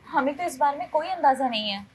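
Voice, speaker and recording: A woman's voice: high-pitched, animated, quick pace, slight background noise. An actress playing a worried female neighbour who answers police questions in a subdued way in a TV crime drama.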